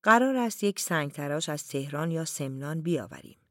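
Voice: medium pitch, lively intonation, bright, forceful tone, dry recording, studio quality. Narrator voicing a formal town mayor.

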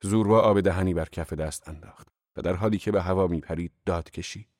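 A man narrating an audiobook in a measured, even storytelling manner. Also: deep voice, no echo, studio quality.

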